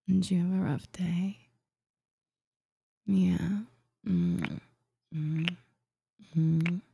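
Soft whispery woman humming and shushing, super slow, dark breathy voice, dry sound. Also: on the low side, no room sound. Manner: soft whispering with long murmured hums; soothing, hushing. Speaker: ASMR roleplay performer. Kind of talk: whispered ASMR roleplay.

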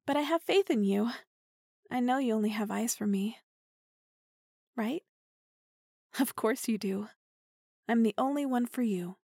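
A woman's voice: fairly high pitch, slightly rough, dry recording, clean studio sound. A woman playing an obsessive, whispery girlfriend. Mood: possessive, doting. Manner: soft, intimate, often whispering. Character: obsessive possessive young woman, clingy, remorseful kidnapper girlfriend. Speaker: voice actor in audio roleplay. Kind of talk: intimate listener-roleplay audio drama.

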